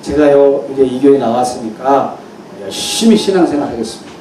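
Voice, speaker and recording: A man's voice: mid-range voice, brisk, mellow, slight background noise, pitched below the performer's own voice, lightly acted. A male pastor voicing an earnest, grateful older businessman in a sermon story. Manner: earnest, polite. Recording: echoey hall, mic far off.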